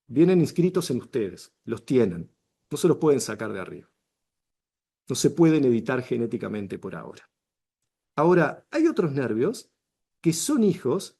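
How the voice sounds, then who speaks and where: A man's voice: medium pitch, warm tone, breathy edge. A middle-aged man with a Rioplatense Spanish accent, teaching a public speaking workshop to camera, emphatic and full of rhetorical questions. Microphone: camera he controls with arm signals.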